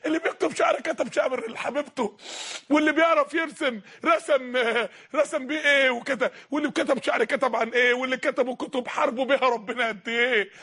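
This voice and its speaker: A male preacher with an Egyptian Arabic accent delivering an impassioned sermon full of rhetorical questions and shouted peaks. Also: extremely high pitch, fairly even intonation, fast, husky.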